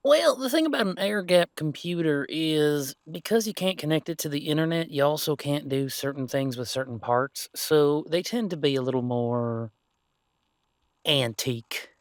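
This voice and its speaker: A man voicing a chatty, folksy, excitable underground computer technician in an audio role-play, rambling along in an animated way. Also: fairly high pitch, moderate pace, no room sound, studio quality. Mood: chatty, eager.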